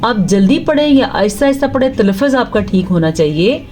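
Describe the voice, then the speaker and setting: A woman teaching Quran pronunciation, patiently explaining rules between slow drawn-out recitations. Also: a little high, lively intonation, a little mellow, faint music behind. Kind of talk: tajweed lesson with recitation.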